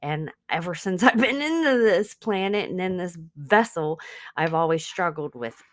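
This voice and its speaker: A woman who speaks English as a second language, a podcast host and spiritual business coach, gives an informal spiritual self-help teaching, earnest and conversational, addressing listeners directly. Her voice is on the low side with lively intonation and a moderate pace, recorded in studio quality with no room sound.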